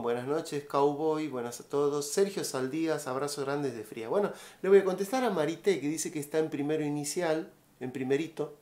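A man with an Argentine accent teaching guitar in a relaxed live online lesson, counting beats aloud and vocalizing the strums. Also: a little high, roomy sound. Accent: Argentine Spanish. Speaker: music teacher.

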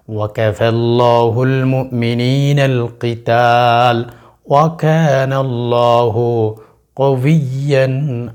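A man with a Bangladeshi Bengali accent and a warm, mid-range voice teaches viewers a religious practice, addressing them directly and reciting verses slowly and drawn out.

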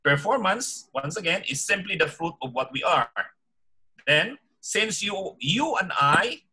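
Bright-voiced man teaching scripture. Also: sits high, sing-song, husky, rough recording. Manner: asks the listeners questions, reads scripture slowly with emphasis. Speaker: preacher. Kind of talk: interactive Bible teaching.

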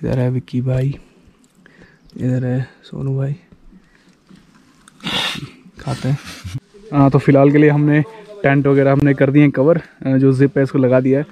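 A young man in his twenties vlogs casually from a pine forest campsite, showing viewers around while filming on an action camera held at arm's length. His chatty, filler-heavy talk comes in a mid-range, flat voice at an unhurried pace with long pauses, and the audio sounds muffled.

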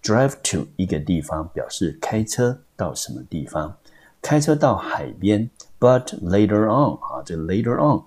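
A man's voice: fairly low pitch, big pitch swings, unhurried, darkish tone, breathy edge. A man teaching English vocabulary in Taiwanese Mandarin, explaining words step by step and spelling out their syllables. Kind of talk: vocabulary lesson.

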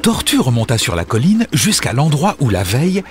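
A man's voice: medium pitch, wildly swooping pitch, normal speed. Male narrator, children's fable, dramatic storytelling, music underneath.

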